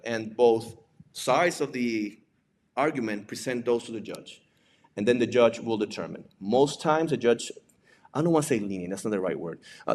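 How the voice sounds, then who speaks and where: A native Spanish speaker from Puerto Rico, who works as a digital forensics examiner and instructor, gives an informal, conversational lecture. He often poses rhetorical questions and tags points with "right?". His mid-range voice is a little mellow, with a slight hiss or hum in the audio.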